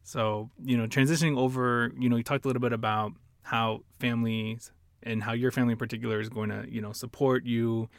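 A male interviewer asks measured, supportive questions in a monotone delivery. His voice has a gravelly fry to it. It is recorded dry and close, with no room sound. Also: mid-range voice, no room sound. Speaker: interviewer, host.

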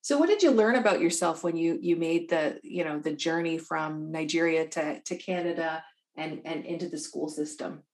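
A woman's voice: deep voice, moderate pace, a little mellow. A woman interviewer asking casual questions, often restarting her sentences.

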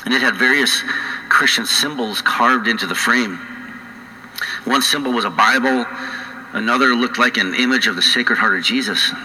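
North Dakota priest in an echoing church. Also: male voice, medium pitch, pushed and bright. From North Dakota, United States. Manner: conversational, halting, with frequent pauses. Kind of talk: homily to a congregation. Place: large church indoors. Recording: echoey church with long reverb.

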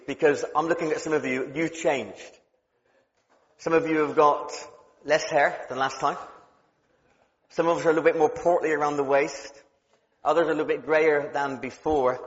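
West Country preacher in a reverberant church. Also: male voice, fairly high pitch. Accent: West Country English. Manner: chatty and humorous, with frequent stammered restarts. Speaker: guest preacher. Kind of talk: sermon. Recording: dull sound with long hall reverb.

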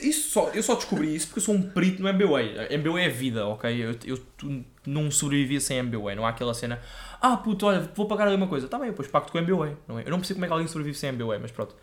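A young man, telling stories in an animated, slangy way as a casual podcast co-host. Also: on the high side, racing, few pauses. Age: young adult. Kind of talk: casual chat, storytelling.

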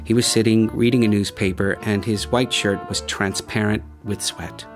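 A man narrating a scripted story in a measured way, with dramatic pauses. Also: lowish voice, fairly even intonation. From United States. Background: guitar music.

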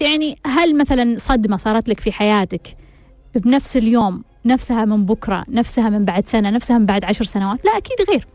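A woman's voice: a little high, a little mellow, no room sound. A woman hosting an advice show, talking frankly to listeners and firing off rhetorical questions. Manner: blunt, full of rhetorical questions. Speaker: advice host answering listeners.

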